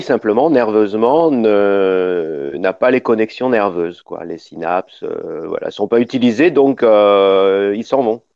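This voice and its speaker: A middle-aged documentary filmmaker from Paris, in northern France, is interviewed on the radio, explaining things at length and frequently restarting his sentences. His voice is lowish and a little mellow. The studio recording sounds dull and dry, with no echo.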